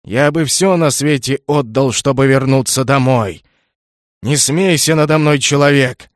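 A man voicing a huge, weary water-spirit dragon in an audiobook, slow and groaning. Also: mid-range voice, no room sound, close to an everyday voice. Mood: anguished. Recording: dry close studio sound.

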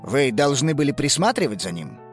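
A woman's voice: extremely low pitch, sing-song, a little fast, soft background music, voice pushed down. A woman voicing a stern adult male lifeguard who scolds in a children's storybook.

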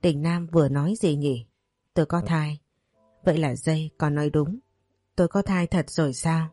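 A woman reading a first-person story aloud, slow and emotional. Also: low-pitched, fairly even intonation, mellow, no echo, studio quality, soft background music. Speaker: narrator. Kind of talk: first-person audiobook narration.

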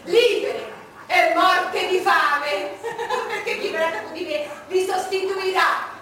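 An actress playing an imperious, bitter, mocking English queen in a theatrical monologue, declaiming with drawn-out scorn. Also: very high voice, animated, sharp tone, a little hiss or hum, heavily acted. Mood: mocking, vengeful. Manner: declamatory, drawn-out, scornful, swinging from brooding to cackling. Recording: echoey, distant stage recording with music.

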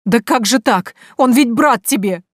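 A woman's voice: fairly low pitch, fairly quick, a little mellow, no echo, studio quality, lightly acted. A woman reading an audiobook, voicing a tearful, spiteful and domineering older merchant's wife who wails and scolds. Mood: pleading. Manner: wailing, scolding, indignant.

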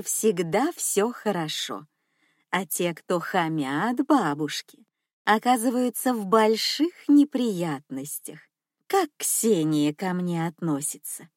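A woman voicing a scheming, manipulative old grandmother who speaks slowly in a cooing, sugary tone. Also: medium pitch, big pitch swings, darkish tone, dry recording, studio quality.

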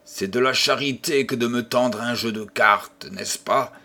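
A man reading an audiobook and voicing a tormented old gambler who swings from hushed whispers to furious outbursts. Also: medium pitch, unhurried. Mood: indignant. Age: older. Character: raving old male gambler haunted by the devil.

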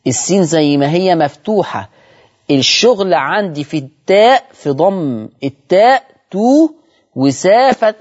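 A man's voice: fairly high pitch, a little mellow, breathy edge, muffled recording. A man with an Egyptian accent hosting a televised Quran recitation lesson, explaining step by step, repeating key points and asking viewers rhetorical questions. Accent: Egyptian Arabic. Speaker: Quran recitation teacher and show host.

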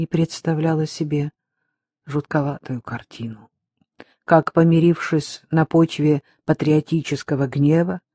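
A narrator reading a literary novel aloud in a measured, even manner. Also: mid-range voice, no room sound. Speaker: audiobook narrator.

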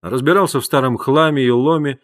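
A man narrating an audiobook in a calm, measured storytelling voice. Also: mid-range voice. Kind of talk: scripted narration.

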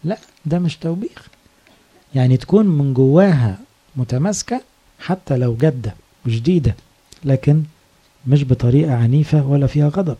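A man's voice: a little high, moderate pace, pauses often, warm tone, breathy edge. A man with an Egyptian accent, a priest, preaching a sermon in a conversational storytelling way, full of rhetorical questions. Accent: Egyptian Arabic.

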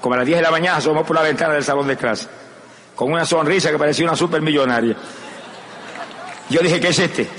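A male evangelist preacher from Puerto Rico, with a Puerto Rican Spanish accent, talks fast in a slightly high voice and pauses often. His fervent sermon with personal testimony swings from soft storytelling to loud shouted exclamations, recorded in a resonant hall with crowd noise.

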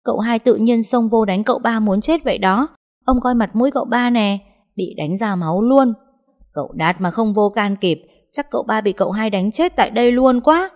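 A woman voicing a young servant girl who shouts and chatters shrilly. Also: fairly high pitch, normal speed, voice pushed up, lightly acted. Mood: tattling, indignant.

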